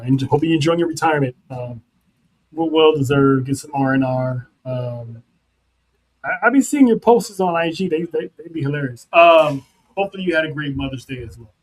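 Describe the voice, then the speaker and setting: A man co-hosts a relaxed podcast, chatting casually. His voice sits a bit high for a man and jumps around with animated energy, often doubling up his words. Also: moderate pace, low-quality recording. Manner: animated, repeats words, laughs. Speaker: podcast co-host. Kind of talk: casual chat. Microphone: remote call setup.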